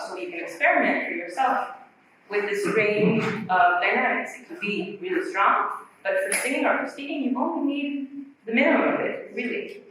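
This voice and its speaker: A woman giving a conference workshop talk about the voice, explaining patiently and demonstrating breathy and glottal sounds. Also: fairly high pitch, fairly bright tone, a little hiss or hum. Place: conference hall. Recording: very echoey hall from far off.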